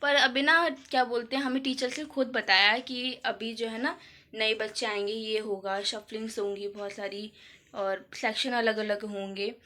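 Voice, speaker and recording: A teenage girl with a fairly high, sharp voice vlogs about her school day. She rambles casually, her storytelling packed with filler words.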